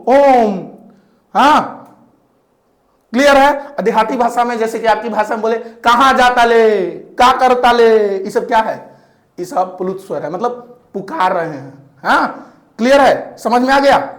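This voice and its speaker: A man teaching a grammar lesson, repeating each point and often asking whether it is clear. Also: high-pitched. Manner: repetitive, checks in often with rhetorical questions. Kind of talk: classroom-style grammar lesson.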